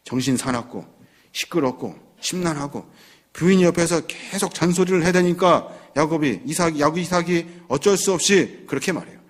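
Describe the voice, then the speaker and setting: A man's voice: a little high, moderate pace. A male pastor preaching a sermon, telling the story with dramatic flair and acting out the characters' pleas. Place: church sanctuary.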